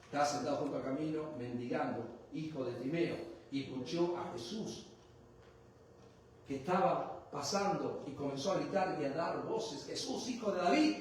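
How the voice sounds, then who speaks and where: A high-pitched male pastor preaches a live sermon, rousing and quizzing his congregation for answers. His voice rings out in a very echoey church hall and is picked up from a distance, with a faint hiss behind it. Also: moderate pace, darkish tone.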